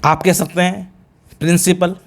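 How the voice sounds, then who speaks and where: A middle-aged man with an Indian accent teaching a grammar lesson in a classroom, drilling example sentences slowly and deliberately as he mixes Hindi and English. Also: sits high, flat delivery, gravelly. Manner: switches between Hindi and English.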